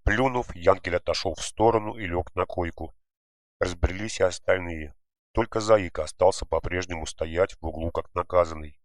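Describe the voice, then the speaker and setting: Low-voiced man reading an audiobook. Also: normal speed, no echo, clean studio sound. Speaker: audiobook reader. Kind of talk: audiobook narration.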